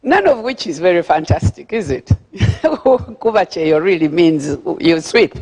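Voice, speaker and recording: A woman's voice: fairly low pitch, lively intonation, unhurried, a little mellow, slightly rough. An older woman with a Ugandan accent gives a speech at a gala, chatty and friendly, often repeating words as she searches for the next one. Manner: chatty, repeats words while searching for them, laughs at her own remarks. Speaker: guest speaker at a gala. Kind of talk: formal speech with friendly asides. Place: large banquet hall. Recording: long hall reverb.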